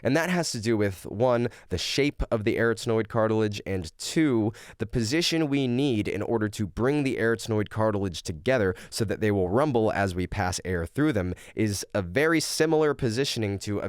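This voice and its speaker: A man giving an explanatory lesson as a vocal coach, speaking in an animated, instructive way. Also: on the low side, clean tone, no echo, clean studio sound. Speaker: vocal coach teaching screaming technique.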